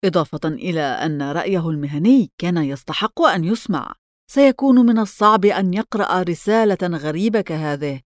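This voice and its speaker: A woman narrating a novel as an audiobook in measured, even scripted narration, recorded close on a studio mic. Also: on the low side, no room sound.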